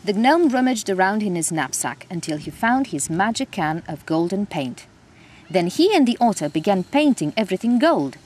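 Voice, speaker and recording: A woman telling a children's story in an animated, expressive way. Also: medium pitch, normal speed, husky.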